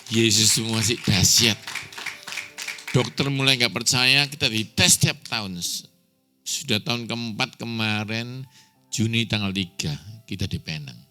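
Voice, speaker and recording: A man's voice: medium pitch, unhurried, bright, forceful tone, soft background music. A man preaching a sermon as pastor, telling a personal story with acted dialogue, close to tears.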